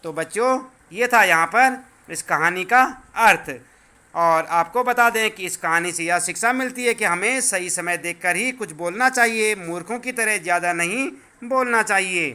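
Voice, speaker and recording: A male teacher explaining a school lesson to children, patiently repeating words slowly so they learn the pronunciation. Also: high voice, sharp tone, clean tone.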